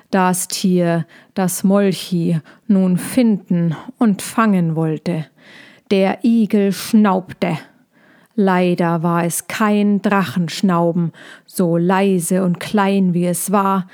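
A woman narrating a children's storybook in a calm, measured way. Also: mid-range voice. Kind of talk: storybook reading.

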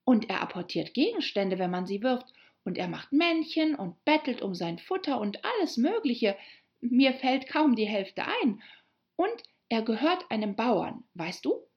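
A woman doing a high, eager young girl. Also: big pitch swings, unhurried, highs cut off. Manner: bright, eager, apologetic.

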